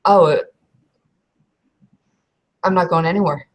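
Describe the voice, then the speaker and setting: A woman with a fairly low voice plays an awkward, evasive young werewolf in a tabletop roleplay. Her speech is halting, slangy, and full of stammering.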